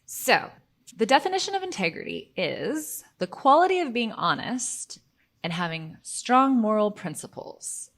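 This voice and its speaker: Lively, chatty woman podcast host. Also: medium pitch, creaky. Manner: chatty, self-deprecating, laughs often. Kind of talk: casual solo podcast monologue.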